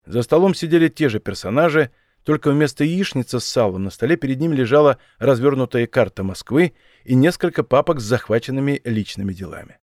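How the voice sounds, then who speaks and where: A man reading a story aloud as an audiobook narrator in an even storytelling manner. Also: medium pitch, brisk, few pauses, dry recording, studio quality. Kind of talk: scripted narration.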